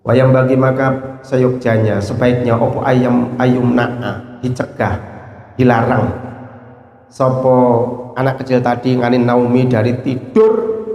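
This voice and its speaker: A man with a Javanese accent, teaching a sermon and reading a classical Arabic text, then explaining it word by word and acting out scolding parents in quick asides. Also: medium pitch, flat delivery, darkish tone, roomy sound, big-room sound. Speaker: Islamic teacher.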